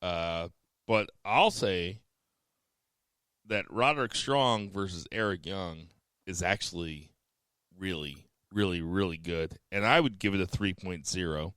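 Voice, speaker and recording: A man's voice: low voice, unhurried, a bit bright, clean tone, no room sound. A man hosting a casual podcast chat, joking around and steering the conversation. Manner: joking, leads the show and hands off questions. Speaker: podcast host.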